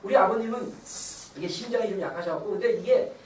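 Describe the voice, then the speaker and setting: A woman in her thirties preaching a lively sermon as pastor, at times shouting out cries to God. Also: medium pitch, fast, slight background noise. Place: church sanctuary. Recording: roomy church hall from far off.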